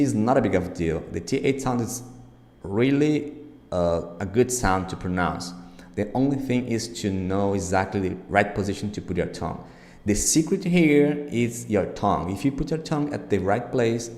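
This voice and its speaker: A man's voice: low voice, a little mellow. A man, a non-native English speaker, teaching pronunciation informally and reassuringly, with exaggerated, emphatic articulation of sounds. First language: not English. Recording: echoey, reverberant room.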